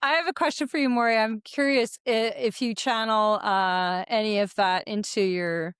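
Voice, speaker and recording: A woman co-hosting a podcast in a casual group conversation, thoughtful and pausing often with "uh" and "um.". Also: mid-range voice, steady tone, fairly bright tone, smooth, no echo, clean studio sound. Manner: thoughtful, with many "uh" and "um" pauses. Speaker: podcast co-host.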